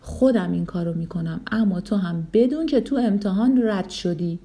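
A woman's voice: mid-range voice, warm tone, voice pushed down, close to an everyday voice. A woman voicing a big, boastful bully boy elephant in a children's storybook, speaking in a taunting, cocky way. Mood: bossy.

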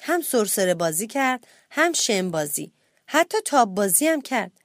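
A woman's voice: no room sound, clean studio sound. Woman reading a bedtime story. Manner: expressive reading, lifts pitch for children's shouts.

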